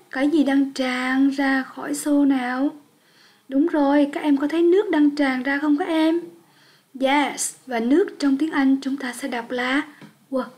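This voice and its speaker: A woman's voice: high-pitched, a little mellow. A woman teaching an English lesson for young children, speaking patiently and leading repetition drills.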